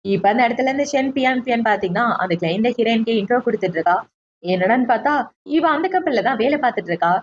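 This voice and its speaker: A woman narrating a drama recap as a story, briskly retelling each scene and speaking the characters' lines herself. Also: on the high side, animated, husky, dull audio.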